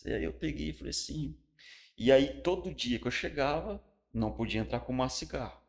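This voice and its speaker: A middle-aged man with a Brazilian Portuguese accent, a pastor and guest, telling his personal testimony in casual, colloquial talk. He tells it with animation and drops to a hush for the solemn parts. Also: medium pitch, expressive, fairly quick, vocal fry.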